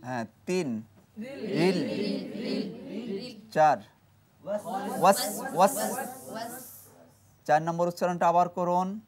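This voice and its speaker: A man's voice: high voice, slow pace, pauses often, a crowd in the background. A man with a Bangladeshi Bengali accent teaching Quran reading on a TV studio show, quizzing pupils, praising right answers and drilling syllables for them to repeat. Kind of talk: studio quiz lesson with a class.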